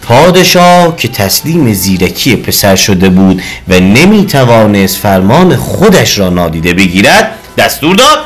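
Male storyteller; expressive, rising and falling delivery, faint music bed. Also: fairly low pitch, hardly any pauses. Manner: lively, expressive reading. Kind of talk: storybook narration. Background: soft music.

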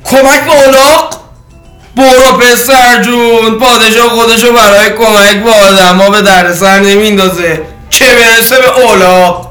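A man doing an angry shouting palace guard. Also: very high-pitched, steady tone, hardly any pauses, soft background music, voice pushed up. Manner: gruff, scolding, shouting.

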